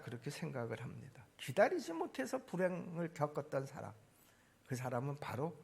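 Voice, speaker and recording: A man preaches from the pulpit of a church. His voice sits high and rises and falls with energy. The tone carries a gravelly rasp and a husky edge, and he jumps from loud emphasis to quiet, low asides. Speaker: pastor. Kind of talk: sermon. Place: church sanctuary.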